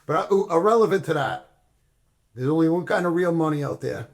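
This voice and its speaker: Man, gravelly fry, slightly high; insistent and repetitive, casual barbershop banter. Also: a little fast. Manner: insistent, repeats warnings, swears freely. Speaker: regular on a barbershop talk show. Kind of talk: casual chat.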